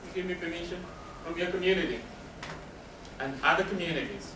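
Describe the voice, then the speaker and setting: This man's voice sits high and moves fairly quickly as he presents to a live audience as a counselor. He explains in short, emphatic phrases and answers the questions he poses. A distant mic picks him up in a roomy space with clear background noise.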